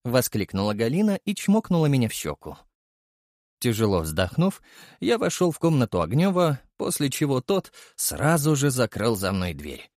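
A man reads a first-person audiobook with lively, swinging intonation. His delivery is expressive and vivid. The recording is dry and close, with no room sound. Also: medium pitch, moderate pace, no echo. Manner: expressive storytelling. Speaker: audiobook narrator.

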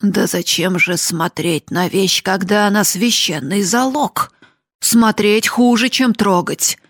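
A greedy old miser of a father coos sugary pet names in a slow, husky voice, as a woman reader puts him on. The sound is dry and close, with no room around it. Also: medium pitch, dry recording. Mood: wheedling. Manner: coaxing, syrupy endearments.

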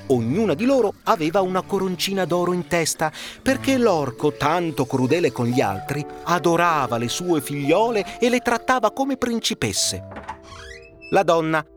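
Lively male fairy-tale narrator. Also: a little high. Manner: expressive, dramatic storytelling. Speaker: storyteller. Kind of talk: storybook narration. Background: background music.

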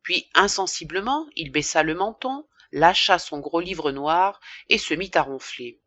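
A woman narrating a classic novel as an audiobook in a measured, even reading. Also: fairly low pitch, dry recording, dull audio. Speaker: audiobook reader.

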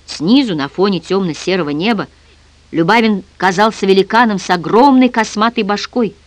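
An audiobook reader giving a dramatic, expressive narration. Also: mid-range voice, moderate pace, dry recording. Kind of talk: scripted narration.

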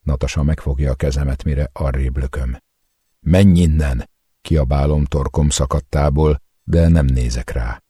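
Super deep husky guy reading an audiobook, dark and dry, intense first-person narration. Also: steady tone, no room sound.

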